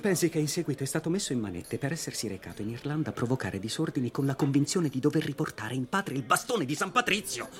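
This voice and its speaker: A man playing an eager, flustered newspaper reporter in a radio drama, wordy, fussy and excitable. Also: medium pitch, fast, few pauses, natural voice. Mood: earnest, explanatory. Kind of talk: scripted radio drama acting.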